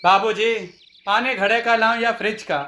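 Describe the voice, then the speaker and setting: A man's voice: high-pitched, fairly even intonation, normal speed, bright, forceful tone. A man doing a naive foolish young bride. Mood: innocent. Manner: naive, overly literal. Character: foolish literal-minded young daughter-in-law woman. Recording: echoey room.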